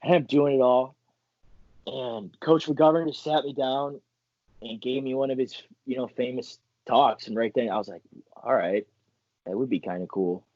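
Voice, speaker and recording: A man's voice: mid-range voice, moderate pace, no room sound, muffled recording. A young man from Michigan, a college wrestler guest, telling stories animatedly in a casual interview, full of "like" fillers. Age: young adult. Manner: animated, acts out quotes, many "like" fillers.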